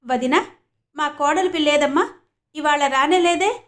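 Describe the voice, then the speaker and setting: A woman voicing a bustling, chatty village mother who fusses and talks briskly. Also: high voice, voice pushed up. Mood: fussing. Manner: brisk, fussing.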